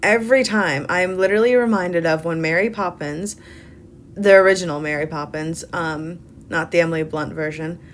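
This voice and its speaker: A woman's voice: fairly low pitch, normal speed, a little hiss or hum. A young woman casually narrating her makeup tutorial, rambling with frequent ums and poking fun at herself. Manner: chatty, rambling, many ums; self-deprecating humor. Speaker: beauty vlogger.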